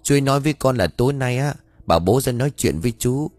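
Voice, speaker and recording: A man's voice: medium pitch, expressive, fast, darkish tone, dry recording, close to an everyday voice. A man voicing a small, scared and innocent boy in an audio ghost story, speaking in a plaintive, childlike way. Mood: frightened.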